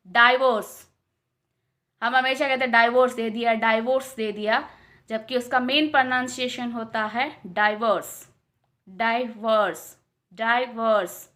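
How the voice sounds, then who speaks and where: A woman with an Indian accent teaching English pronunciation, repeating each word slowly several times. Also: fairly high pitch, pushed and bright. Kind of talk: casual spoken lesson.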